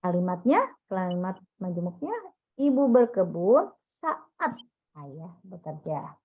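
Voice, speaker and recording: A woman's voice: on the low side, sing-song, slow pace. Woman teacher lecturing on dull audio. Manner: explains step by step, quizzing listeners. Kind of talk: classroom lecture.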